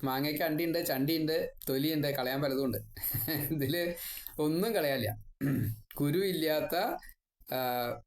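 An older man giving a religious discourse, chanting Sanskrit verses slowly and then explaining them quickly. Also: a little high. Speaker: Bhagavatam teacher. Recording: echoey room.

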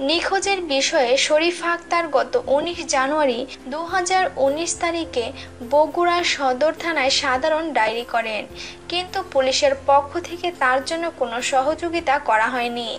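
A woman narrates a scripted news report. Her voice sits high in pitch. She speaks as the off-screen reader of the story.

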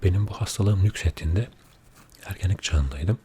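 Deep, quiet late-night man, soft-spoken ASMR. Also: moderate pace. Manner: quiet, low murmur at night, often dropping near a whisper. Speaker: ASMR video creator. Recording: audible background noise.

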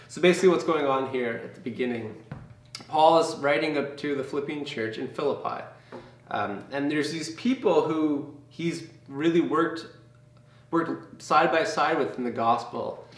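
A young Canadian man who leads a campus ministry runs an informal Bible study to camera, speaking at normal speed in a fairly high voice, earnest and conversational with fillers and restarts. He sits indoors in a small room with a brick wall and bookshelves. The camera mic is a few feet away, so his voice sounds set back in the echoey space.

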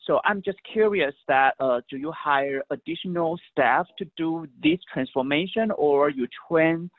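A man's voice: on the high side, unhurried. Man co-host on a tinny line. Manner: appreciative and conversational. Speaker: session co-host. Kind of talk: moderating a Q&A. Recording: tinny, dry phone-like line.

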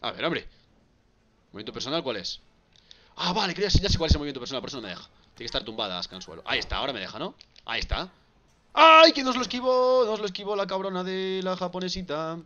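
A man with a Galician Spanish accent commentating his own gameplay on a live stream, excitable and prone to shouting and repeating words. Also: medium pitch, racing, dull audio, slight background noise. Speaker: gaming streamer.

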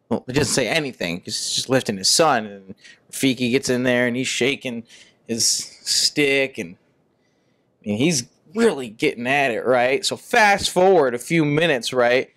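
A man's voice: medium pitch, a bit bright. A young man recapping a movie as a rambling comic monologue, chatty, full of "like" fillers, with mock-outraged asides. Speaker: comedic monologuist.

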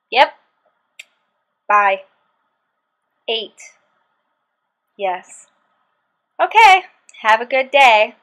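A young woman in her twenties reads her own book posts aloud, sounding sarcastic and exasperated. Her voice is fairly high and a bit bright, and the rough recording comes from a webcam at her desk in a small bedroom.

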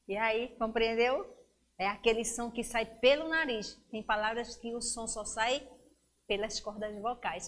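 A woman teacher giving a slow, clear, encouraging lesson to young children, stretching out words as she reads them aloud. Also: high voice, fairly bright tone. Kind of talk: children's lesson on a local education channel.

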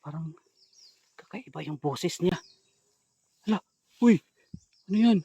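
A young man from the Philippines vlogging a ghost hunt, mixing hushed asides to his viewers with loud calls and chanted prayers. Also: sits high, lively intonation, a little slow, creaky, slightly rough. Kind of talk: paranormal investigation vlog.

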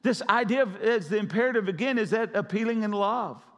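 A man's voice: high-pitched, a little fast, lo-fi sound. A man preaching a sermon as pastor, urgent and repetitive, pressing his listeners. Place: church sanctuary. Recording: long church hall reverb.

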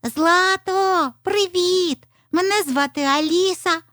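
A woman voices a little girl fox cub in a storybook tale, sounding eager, curious and cheerful in a high, lively childlike voice. Her delivery is slow and heavily acted, recorded at studio quality with no echo.

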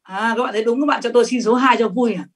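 A middle-aged woman giving a sales training talk, lively and emphatic, often asking the audience questions. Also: fairly high pitch, fast, husky.

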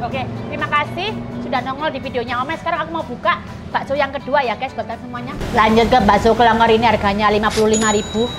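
A woman hosts an eating show in a high voice. She chats to viewers playfully, exclaiming as she eats spicy soup and meatballs. Loud music plays under her talk. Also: fairly even intonation, fast. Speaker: food vlogger host. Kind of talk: mukbang vlog chat to viewers. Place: small eatery, indoors.

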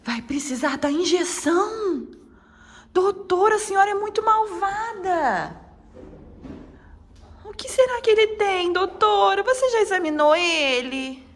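A woman's voice: extremely high pitch, big pitch swings, unhurried. A woman hosting a children's channel, acting out a pretend doctor visit with a child in a doting, exaggerated sing-song way.

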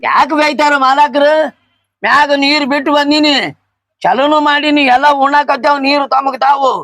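A man's voice: very high-pitched, flat delivery, normal speed, bright, forceful tone, no echo. A man with a North Karnataka Kannada accent playing a grumbling farmer in a village comedy sketch, rambling and teasing.

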